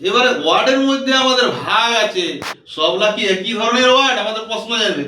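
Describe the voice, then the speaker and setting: High, bright-voiced man teaching English. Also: fast, echoey room, far from the mic, a little hiss or hum. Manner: patient, spells words out letter by letter and asks the viewer questions. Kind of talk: English lesson video explained in Bengali.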